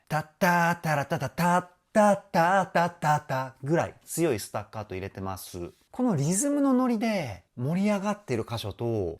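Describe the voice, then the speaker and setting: A male vocal coach with a fairly high pitch and darkish tone comments on a song, explaining its technique and offering eager, frequent praise.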